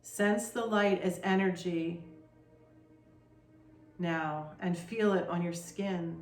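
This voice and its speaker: A woman leading a guided meditation with soft, soothing instructions. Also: fairly low pitch, steady tone, slow, echoey room, faint music behind.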